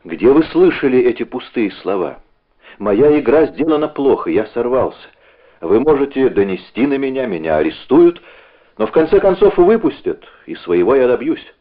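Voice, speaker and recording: A man's voice: mid-range voice, sing-song, voice pushed up. A man reading as a tormented avenger. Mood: bitter. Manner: intense, halting confession. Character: tormented man set on revenge. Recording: narrow phone-like audio.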